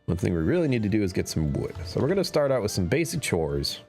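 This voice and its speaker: Live-streaming a survival game, a man gives casual commentary in a lowish, darkish, sing-song voice, talking fast as soft music plays. He's chatty and self-talking, his voice a little strained, often drifting into whispers.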